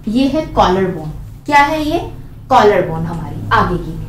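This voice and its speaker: A woman's voice: medium pitch, very animated, unhurried, a little hiss or hum. A young woman biology teacher explaining a diagram step by step, asking her students questions and answering them herself. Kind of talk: classroom lesson, drawing and explaining. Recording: echoey room.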